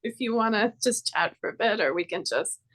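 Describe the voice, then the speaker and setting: A woman's voice: mid-range voice, lively intonation, fairly quick, a bit bright, husky. A woman hosting an interview over a video call with her computer mic, friendly and giggly, introducing her guest. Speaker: interview host, body care practitioner. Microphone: computer microphone.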